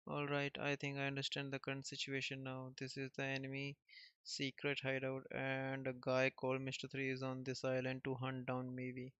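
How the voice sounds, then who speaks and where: A man reads a comic aloud in a casual way, speaking every character's lines in one near-monotone voice and chuckling often between panels. His voice sounds smooth and clear. The recording is dry and a little dull. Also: mid-range voice, moderate pace, dry recording. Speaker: manga reader.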